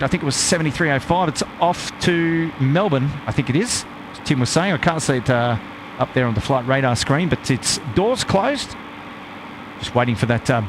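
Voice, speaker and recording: A man's voice: mid-range voice, background noise. A man hosting a live stream with casual, matey, rambling plane-spotting commentary and frequent hesitations.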